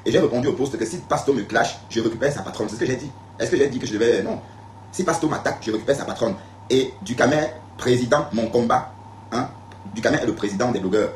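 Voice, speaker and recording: Fast-talking man on an echoey live stream. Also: medium pitch, slight background noise. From Cameroon. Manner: emphatic, repetitive, addresses viewers directly. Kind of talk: casual live-stream talk replying to comments. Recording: echoey room, faint background ambience.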